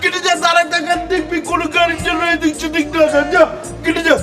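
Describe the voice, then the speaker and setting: A man's voice: very high voice, flat delivery, fast talker. A man playing a stern male master of the house who scolds his gatekeeper in a comic drama. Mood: scolding. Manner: scolding, orders the gatekeeper about. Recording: distant voice over background music.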